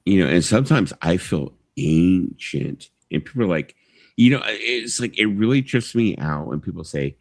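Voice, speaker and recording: A man in his fifties with a low, gravelly voice, chatting loosely on a live stream. He rambles, swears freely and leans on you-knows. The sound is dry and close. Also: lively intonation, moderate pace, no room sound. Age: 50s. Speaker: livestream host. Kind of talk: casual live-stream chat.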